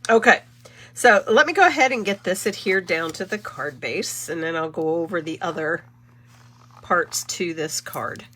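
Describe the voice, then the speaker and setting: This middle-aged woman hosts her card-making channel's casual live demo with a cold-stuffed voice, chatty, rambling and prone to self-correction. She speaks at normal speed in a fairly low, bright voice with a forceful tone.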